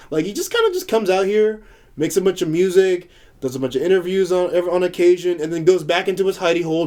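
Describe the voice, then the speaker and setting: A young man co-hosting a podcast, talking earnestly and haltingly in casual chat. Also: a little high, a little mellow. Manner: earnest, halting, many fillers. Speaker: podcast co-host.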